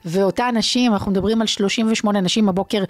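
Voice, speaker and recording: A woman with an Israeli accent giving conversational news analysis as an investigative journalist and co-host, pausing often mid-phrase. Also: mid-range voice, steady tone, no room sound.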